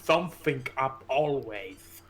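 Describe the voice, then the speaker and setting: A man's voice: mid-range voice, expressive, takes it slowly, fairly bright tone. A man chatting casually on a game stream, rambling through stories with lots of ums. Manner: rambling storyteller with many ums. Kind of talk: casual gaming chat.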